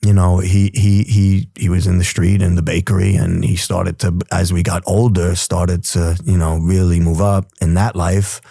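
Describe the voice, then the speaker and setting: Man in his 40s, New York accent, streetwise storyteller, deep dark voice, dry sound. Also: normal speed, gravelly, few pauses, breathy edge, no room sound. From New York City. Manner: streetwise, animated, says "bro" and "you know". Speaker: guest. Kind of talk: casual storytelling interview.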